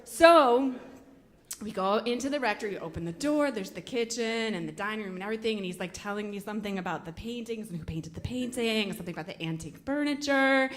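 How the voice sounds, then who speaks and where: A woman telling a personal story to an audience, animated and full of "like", acting out her own thoughts. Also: mid-range voice, fast. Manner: animated, filler-heavy "like", acts out her own inner thoughts.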